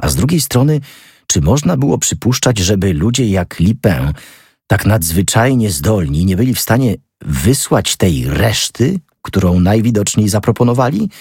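A man reading a novel aloud as audiobook narrator, measured and expressive. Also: lowish voice, vocal fry, slightly rough, dry recording, clean studio sound. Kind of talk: scripted narration.

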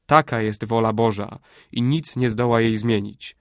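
A male prophet preaching to his warriors, slow and grave, as a man reads him in an audiobook. His declaiming lines sit a touch louder than the narration. The recording is dry and close. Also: mid-range voice, dry recording, close to an everyday voice. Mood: solemn. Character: a male Sudanese prophet preaching holy war.

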